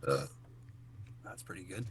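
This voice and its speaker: A man hosting a podcast in casual chat, telling rambling stories full of fillers. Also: unhurried. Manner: rambling storyteller, many fillers. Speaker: podcast host.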